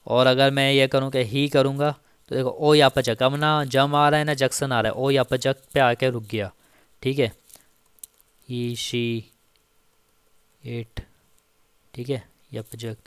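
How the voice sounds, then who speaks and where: Slow, clear-voiced male language teacher. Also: medium pitch, flat delivery, no echo. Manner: slow, repeats each example with frequent "theek hai". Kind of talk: casual spoken lesson.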